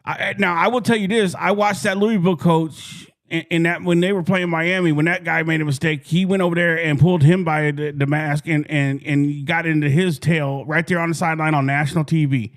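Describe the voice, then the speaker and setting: A man hosting a casual sports talk show, folksy, clearing his throat often and repeating words as he starts. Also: a little high, fairly even intonation, fairly quick, hardly any pauses. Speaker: podcast host.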